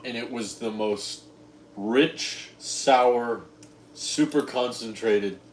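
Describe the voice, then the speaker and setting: A man co-hosting a cooking livestream, chatting casually and telling animated, laughing stories while eating. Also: mid-range voice, very slow. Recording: echoey room with faint noise.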